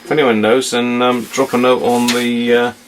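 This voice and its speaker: This man, a radio hobbyist and video host, runs through an unplanned, casual demonstration, hesitant and trailing off into mumbled asides. His mid-range voice moves at normal speed with little change in pitch, and faint hiss runs under the home recording.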